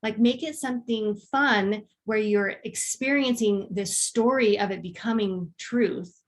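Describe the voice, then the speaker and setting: A woman talks through a personal growth workshop at an easygoing pace. Her voice sits in an ordinary middle range, and she fills her explanations with ums and quick acted examples. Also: medium pitch. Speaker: workshop presenter. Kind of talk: casual workshop talk.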